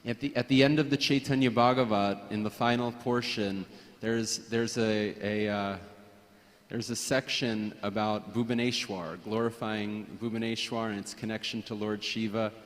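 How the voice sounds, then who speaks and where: A man's voice: on the low side, fairly even intonation, normal speed. A man at a memorial gathering, telling affectionate anecdotes about a friend and chuckling as he remembers. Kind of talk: reminiscing anecdotes. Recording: long reverb.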